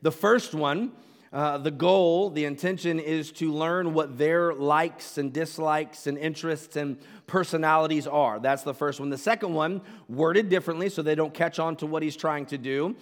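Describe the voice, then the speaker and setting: A male pastor preaching a sermon earnestly, restarting and repeating phrases, and building up to loud emphatic declarations. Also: a little high, normal speed, long reverb tail.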